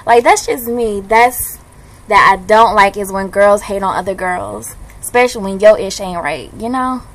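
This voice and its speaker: A woman in her twenties venting in a casual video blog, ranting in an animated, slangy way. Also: medium pitch, normal speed, low-quality recording. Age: 20s. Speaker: vlogger. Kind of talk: casual chat.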